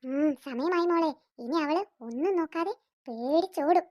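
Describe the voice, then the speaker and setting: A woman voicing a scheming cartoon mother who talks in a slow, hushed, conspiratorial way. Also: sits high, no echo, clean studio sound, voice pushed down, close to an everyday voice. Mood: sly. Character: scheming mother, sly and plotting.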